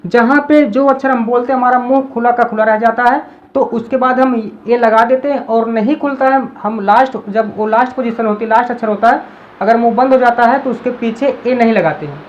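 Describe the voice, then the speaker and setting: A high-voiced woman teaches patiently, classroom style, drilling each example word by repeating it slowly. The recording sounds dull and lo-fi.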